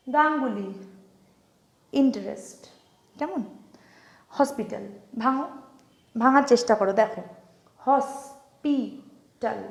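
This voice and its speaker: A woman's voice: high-pitched, roomy sound. A woman teaching an English pronunciation lesson, patiently explaining syllables and often checking that her students follow. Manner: patient, repeats words slowly and checks in with "কেমন?". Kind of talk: Bengali-language lesson explaining syllables, writing examples.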